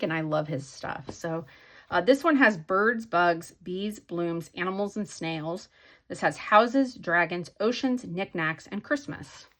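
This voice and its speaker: A woman's voice: lowish voice, fairly bright tone. A woman chatting casually in a hobby haul video, rambling with many ums and restarts. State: sleepy, yawning. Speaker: hobby vlogger.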